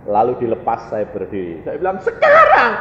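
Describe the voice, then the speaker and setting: A man with a Javanese accent preaching a sermon as an evangelist, telling stories in an animated, playful way. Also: on the high side, a little slow. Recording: echoey hall, slightly dull, faint noise.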